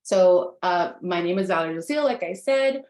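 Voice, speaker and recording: Speaking fairly quickly and expressively, a life coach in her thirties leads an online workshop, talking straight to her audience in an earnest, conversational way. She's from the United States and a native Spanish speaker, with a fairly low, darkish voice. There's reverb on the recording.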